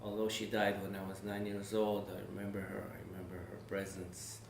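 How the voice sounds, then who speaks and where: A gravelly, low-voiced Israeli man in his 40s shares family history in a personal oral-history recollection. He speaks haltingly, searching for words and repeating the starts of words, in a completely flat delivery. The room is echoey with faint background noise.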